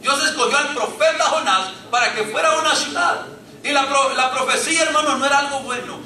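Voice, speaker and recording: A man's voice: very high-pitched, a little fast, sharp tone, slight background noise. A man preaching a fervent sermon to his congregation, calling them brothers, with a Latin American Spanish accent. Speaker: pastor. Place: church sanctuary. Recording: echoey church room, mic at a distance.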